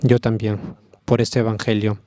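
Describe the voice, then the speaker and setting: A man's voice: fairly low pitch, level tone, unhurried, warm tone, no room sound, clean studio sound. Impassioned male preacher, rising emphasis. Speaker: pastor. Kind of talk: sermon.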